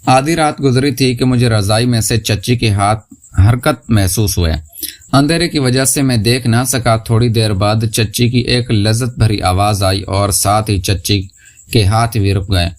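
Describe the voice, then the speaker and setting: A man narrating a scripted first-person story in a steady, unhurried reading voice. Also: lowish voice.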